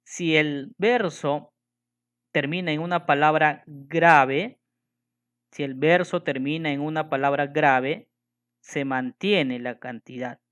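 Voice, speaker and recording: A man teaches a lesson, his voice sitting a little high and sounding smooth and clear. He repeats each rule, counts syllables out one by one and keeps checking that his students follow. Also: steady tone, fairly bright tone. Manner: patient, repeats and counts syllables slowly, asks "¿de acuerdo?". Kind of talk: classroom lesson on poetry.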